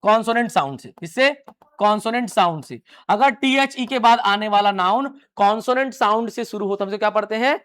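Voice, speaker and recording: A man with a high voice gives a live classroom lecture on English grammar. He fires questions at his students and answers them himself. He drills the same phrases again and again. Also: fairly quick, a bit bright, clear, resonant tone. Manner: repeats key phrases many times. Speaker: English teacher.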